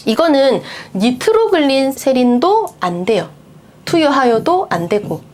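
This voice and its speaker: A woman's voice: high-pitched, measured pace, slight background noise. A woman lecturing nursing exam students, often asking questions and answering them herself. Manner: lively, asks and answers her own questions.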